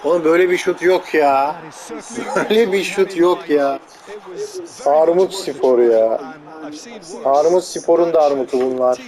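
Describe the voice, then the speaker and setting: Playing a football video game, a man with a fairly high-pitched voice talks at a moderate pace, joking at and grumbling about his players in a teasing way. The game crowd is loud underneath.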